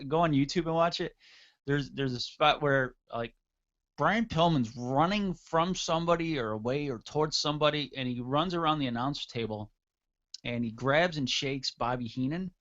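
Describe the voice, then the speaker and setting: Rambling, animated male radio co-host. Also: medium pitch, highs cut off. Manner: animated, rambling, laughs often. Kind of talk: casual wrestling talk.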